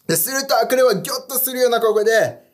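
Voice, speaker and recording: A young man preaching a casual online sermon, animated and chatty, often asking his audience questions. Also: extremely high pitch, fast talker. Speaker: youth pastor.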